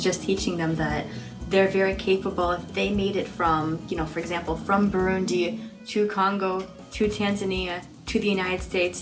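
Woman, documentary interview, thoughtful explaining, lowish pitch, music underneath. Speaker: refugee agency staff member.

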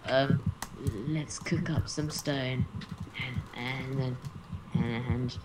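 A young man giving excitable, teasing commentary while playing a multiplayer game with friends over a noisy voice-chat recording. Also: mid-range voice, drawn-out words, recorded from a distance, crowd noise. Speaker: gamer.

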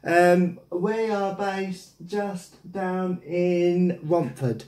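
Very slow and fairly even in intonation, this high, slightly mellow voice belongs to an English-accented man in his thirties making a prank call. His casual phone chat is hesitant and rambling. The small domestic room he's in indoors is echoey, and the mic is a camera about arm's length away.

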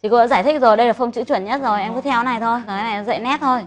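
High-voiced woman teaching Japanese. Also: very fast. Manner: patient, corrective, mixes Vietnamese with Japanese drills. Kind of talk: classroom teaching. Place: classroom.

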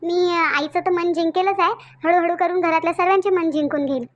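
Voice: very high-pitched, fairly even intonation, a little fast, fairly bright tone. Mohini, a gloating schemer. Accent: Vidarbha Marathi (Varhadi). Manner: gloating, self-satisfied monologue. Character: scheming young woman rival, gloating. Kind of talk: cartoon voice acting.

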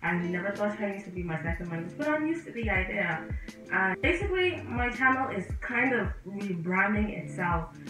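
A Bahamian medical student and vlogger sits and talks casually to camera, lively and animated, gesturing with both hands and speaking chatty and direct to viewers. Her voice is medium-pitched and moderately paced, sounding a bit distant in an echoey room with faint music behind.

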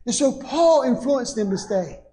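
An older male pastor preaches from a church pulpit, his extremely high, expressive, mellow voice moving at a measured pace and rising into emphatic bursts. He speaks into a pulpit microphone, and the church sanctuary around him is echoey.

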